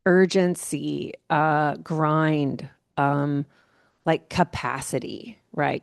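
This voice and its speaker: Woman, astrologer host, slow rambling horoscope chat, dry close sound. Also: sits low, no room sound. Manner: relaxed, rambling, lots of fillers and laughs. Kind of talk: casual monthly horoscope talk.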